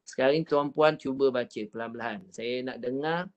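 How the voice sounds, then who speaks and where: A man's voice: medium pitch, a little fast, muffled recording. A man with a Malaysian Malay accent teaching Quran recitation online, patiently repeating each point and drawing out the recited syllables.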